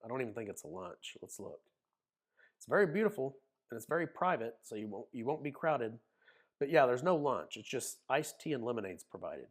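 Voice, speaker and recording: A man's voice: medium pitch, very animated, fairly quick. A man with an Oklahoma accent, casually narrating a screen walkthrough in a folksy, chatty way. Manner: folksy, chatty, says y'all. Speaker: cruise vlogger.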